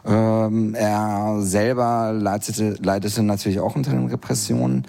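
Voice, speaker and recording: Middle-aged man from Iran, author guest, thoughtful and halting, lowish voice. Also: flat delivery, gravelly, dark tone. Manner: hesitant, many fillers. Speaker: graphic novel author. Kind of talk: interview answers.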